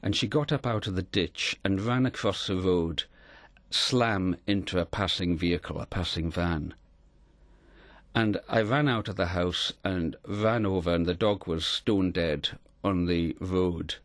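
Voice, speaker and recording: A middle-aged man from Scotland, telling a personal story in an earnest, measured way as an interview guest. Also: low-pitched, no room sound.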